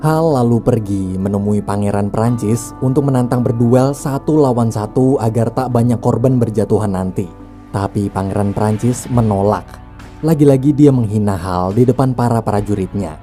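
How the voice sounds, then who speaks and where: A man's voice: on the low side, normal speed, dark tone. A man reading a scripted film recap as a narrator, in a storytelling style with casual asides. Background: background music.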